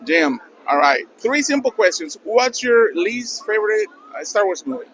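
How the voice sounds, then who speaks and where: Interviewing fans at a crowded convention, this Mexican channel host speaks with a thick Mexican Spanish accent, friendly and prone to stammering. His high, fairly bright voice swings widely in pitch at a moderate pace. The recording is low quality with slight background noise.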